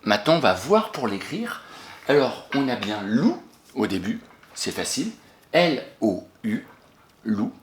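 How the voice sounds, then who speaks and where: A man's voice: mid-range voice, huge pitch swings, moderate pace, reverberant, slight background noise. French guy teaching little kids spelling over video, patient, lots of bravos, bouncy voice. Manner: encouraging, patient, questions and praises pupils. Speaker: primary school teacher. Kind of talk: remote spelling lesson for young children.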